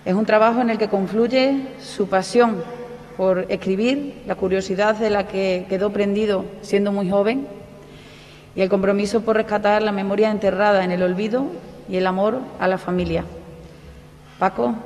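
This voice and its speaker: A woman's voice: mid-range voice, steady tone, normal speed, darkish tone. A woman, the mayor, giving a formal introduction at a book presentation, speaking steadily with small restarts. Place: cultural centre hall. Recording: reverberant hall with faint room noise.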